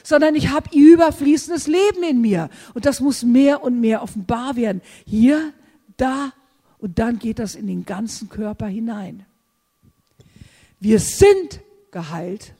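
A woman preaching a charismatic sermon, fervent, swinging between loud exclamations and hushed whispers. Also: a little high, moderate pace. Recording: long hall reverb.

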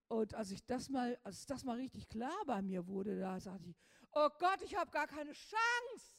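A middle-aged woman preaching a sermon, moving between quiet confiding talk and loud commanding prayer. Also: fairly high pitch, husky. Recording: long hall reverb.

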